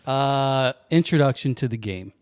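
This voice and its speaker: A man hosting a podcast in casual chat, joking and halting with fillers and restarts. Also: medium pitch, animated, clean tone, no echo. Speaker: podcast host.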